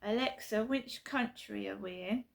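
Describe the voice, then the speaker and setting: A middle-aged South London woman with a gravelly, medium-pitched voice records a casual personal vlog in her flat at night. She tells her story slowly and earnestly, repeating herself and stressing her points.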